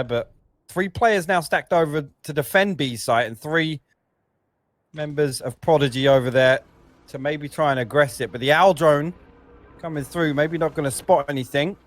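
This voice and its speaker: A man's voice: fairly high pitch, dry recording. Essex man casting an esports game. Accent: Essex English. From Essex, England. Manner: conversational, self-correcting. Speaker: esports commentator. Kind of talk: analytical commentary.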